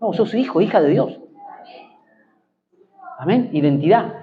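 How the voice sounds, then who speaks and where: High-voiced Argentine preacher. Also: male voice, expressive, a little slow, phone-quality sound, slight background noise. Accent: Argentine Spanish. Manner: emphatic, repeats key phrases, calls out for amens. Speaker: pastor. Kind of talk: preaching a sermon.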